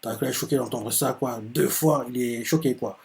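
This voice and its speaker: A man's voice: medium pitch, fairly even intonation, normal speed, vocal fry, a little mellow. A man casually recapping and explaining manga chapters in a rambling way, with lots of filler words. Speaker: manga reaction host. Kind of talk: casual manga reaction commentary.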